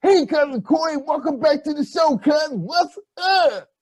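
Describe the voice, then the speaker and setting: A man voicing an excitable boyish puppet who hosts a kids' show like an overbright party host, with a husky voice and hyped, exclamatory delivery. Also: very high voice, measured pace. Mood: overbright, excited. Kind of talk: children's puppet show presenting.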